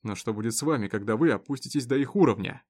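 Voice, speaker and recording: A man's voice: medium pitch, fast, a little mellow, close to an everyday voice. Storybook deputy, a man doing it: sensible, urgent, pleading. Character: level-headed male deputy.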